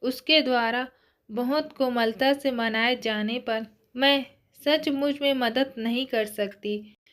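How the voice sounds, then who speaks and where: A woman's voice: a little high, takes it slowly. Woman reading as a tearful young heroine, former kickboxing champ. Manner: soft, plaintive, sniffling.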